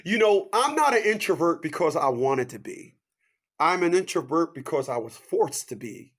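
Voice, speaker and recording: A fifty-something man delivers a preachy motivational monologue in a fairly high voice. He fires rhetorical questions and repeats his catchphrases, swinging hard between loud, lifted lines and low, hushed asides. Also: very animated, moderate pace. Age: 50s.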